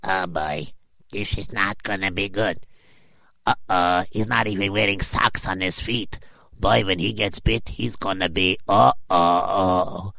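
Someone doing an excitable onlooker, yelps and exclaims, dry sound. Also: low voice, unhurried, creaky, no echo, full character voice. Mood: worried. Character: excitable townsperson bystander.

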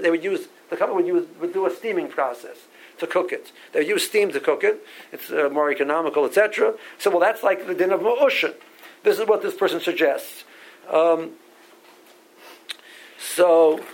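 Vocal fry colors this Barbadian rabbi's fairly high voice in a rough recording. He's giving a halachic lecture to a Talmud class, reading Hebrew legal terms and often repeating words while going through sources.

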